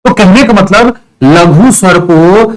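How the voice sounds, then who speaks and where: Speaking slowly in a high, expressive, slightly raised voice, a male teacher with an eastern Uttar Pradesh Hindi accent takes listeners through a grammar lesson one step at a time. He poses questions and answers them himself, stretching out vowel sounds to show their pronunciation. The recording quality is low.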